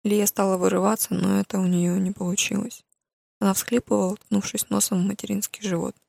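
A woman reads a novel aloud in a steady, measured storytelling voice. Her tone has a gravelly, creaky texture. The recording is dry and close, with no room sound. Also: mid-range voice, dry recording. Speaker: audiobook narrator. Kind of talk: scripted narration.

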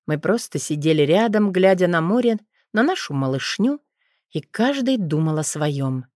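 A woman narrating a first-person audiobook in a steady, expressive storytelling manner. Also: fairly low pitch, normal speed, dry recording, clean studio sound.

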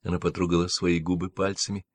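A man narrating a novel in a measured, expressive storytelling manner. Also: low voice, dry recording, studio quality. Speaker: audiobook narrator. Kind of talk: scripted literary narration.

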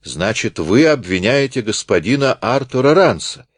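A man's voice: mid-range voice, sing-song, moderate pace, dry recording, studio quality. Man voicing an impatient stern judge. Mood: demanding. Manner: pressing, insistent questions. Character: stern presiding male judge, impatient and demanding.

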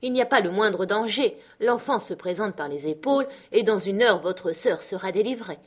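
A woman voicing a brisk, firm midwife who reassures a drunk man. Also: mid-range voice, animated, close to an everyday voice.

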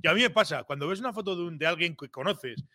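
Podcast host guy, bright fairly high voice, swears a lot, dry close mic. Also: fast, no echo. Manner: swears freely, animated storytelling. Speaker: podcast host, fishing guide. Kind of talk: casual chat.

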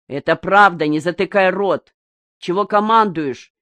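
A woman's voice: on the low side, a little slow, a bit bright, no room sound, pitched above the performer's own voice. Woman reading a stubborn defiant hunter. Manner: stubborn, insistent. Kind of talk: audiobook character reading.

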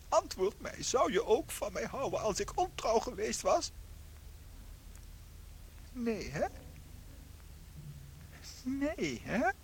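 In a radio play, a woman voices a tiny, shrunken unfaithful husband, performing theatrically in a high, husky, exaggerated voice. The character comes across as anxious, ashamed, and weighed down by guilt.

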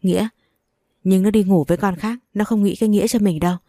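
A woman's voice: medium pitch, quick pace, no room sound, clean studio sound. A woman reading a first-person domestic drama aloud, voicing every character's lines in her own voice. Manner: even storytelling voice, reads all dialogue herself. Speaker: narrator. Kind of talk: scripted first-person story narration.

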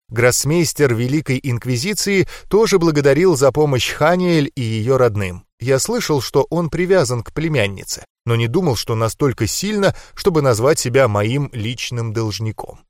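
A man narrating an audiobook in the first person, with steady, even storytelling. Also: medium pitch, no room sound, studio quality.

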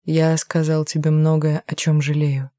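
Lady reading a sorry husband, low soft voice, dry close sound, audiobook. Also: level tone, a little slow, no echo. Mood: tender. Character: grown man, a remorseful, tender husband.

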